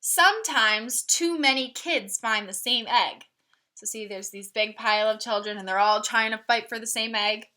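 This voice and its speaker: A woman reads a picture book to children at normal speed, her voice a little high, bright and forceful. She adds simple teacher-style explanations and asks her young listeners questions along the way.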